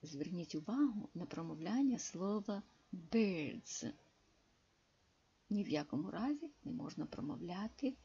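A woman teaching English, slowly and carefully translating and explaining words one by one. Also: lowish voice, mellow, breathy edge. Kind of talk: slow bilingual lesson, translating words. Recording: dull lo-fi recording.

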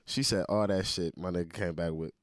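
A man's voice: low-pitched, fairly even intonation, a little fast. A young man hosting a casual video reaction, blunt and slangy, speaking into a handheld mic in a small room. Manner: blunt, slangy, laughing asides. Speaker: reaction streamer. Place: small room with red lighting. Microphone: handheld mic held close.

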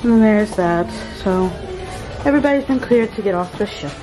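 A woman's voice: mid-range voice, animated, moderate pace, over music, low-quality recording. A woman, chatting casually to viewers as a cruise vlogger, filming on a handheld phone. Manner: chatty, addresses viewers directly, upbeat. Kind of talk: casual vlog narration. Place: cruise ship and terminal, then car. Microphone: handheld phone camera at arm's length.

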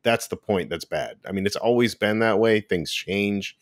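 A man's voice: lowish voice, normal speed, dry recording, studio quality. A man co-hosting a casual podcast, grumbling in a weary, frustrated way. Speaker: podcast co-host.

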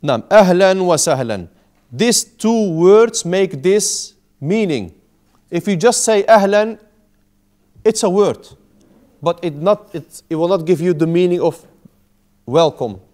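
This Arabic teacher, a man in his thirties, speaks in a high, animated voice that is slightly slow and has a darkish tone. In a small indoor classroom with a whiteboard, he goes over every word patiently, repeating and explaining.

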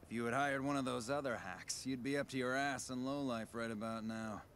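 A man playing a smug, self-important mercenary bodyguard in a video game, talking briskly and confidently. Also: mid-range voice, fairly bright tone, a little hiss or hum, close to an everyday voice. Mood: smug, guarded. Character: smug, cocky male mercenary bodyguard, shady con artist. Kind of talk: video game character dialogue.

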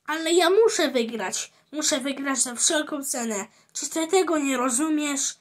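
A woman's voice: high-pitched, unhurried. A woman reading aloud as a sly, jealous, bossy boy. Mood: insistent.

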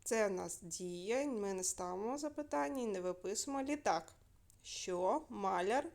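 A woman teaching a primary school lesson by video, clear and patient, asking questions and answering them herself. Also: medium pitch, expressive, normal speed, darkish tone.

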